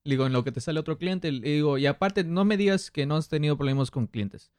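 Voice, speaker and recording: A man hosting a casual podcast in a slightly high voice with a northern Mexican accent. He tells stories in loose street slang and acts out both sides of conversations, recorded close and dry. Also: fast talker, no echo. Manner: animated retelling with acted-out quotes and street slang. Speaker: podcast host. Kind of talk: casual slangy podcast chat, telling anecdotes.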